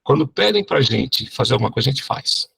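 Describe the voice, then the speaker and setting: A man's voice: mid-range voice, sing-song, fairly quick, vocal fry, fairly bright tone, breathy edge, exaggerated voice. A man retelling a blood-hungry angry spirit. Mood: flat. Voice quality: strong harsh voice.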